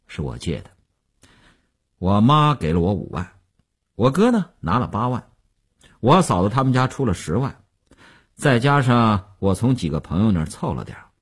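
A man's voice: lowish voice, slightly rough, pitched below the performer's own voice, full character voice. A man reading a radio novel aloud, voicing a boastful, self-satisfied male stock speculator who chuckles and coaxes. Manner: bragging, chuckling, coaxing.

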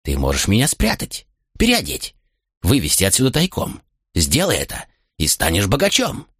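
A cowardly traitor pleads and wheedles in a nervous, pitch-swinging voice, put on by a man narrating. The storybook reading sounds close and dry. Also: wildly swooping pitch, normal speed, fairly bright tone, slightly rough, no room sound, full character voice. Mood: wheedling.

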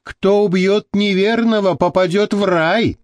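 A man's voice: high voice, fairly even intonation, a little slow, no room sound, voice pushed up. A man reading the part of a pious, self-pitying Chechen kidnapper guard who wails and pleads. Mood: pleading.

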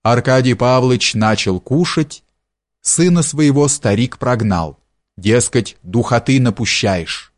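Casting: male audiobook narrator, measured and steady, mid-pitched voice. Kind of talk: scripted narration of classic prose.

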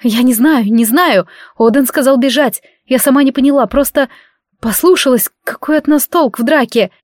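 A woman voicing an anxious noble mother who talks quickly and with worry. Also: high-pitched, a little mellow, no echo, studio quality, voice pushed up, natural voice. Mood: worried. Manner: quick, worried.

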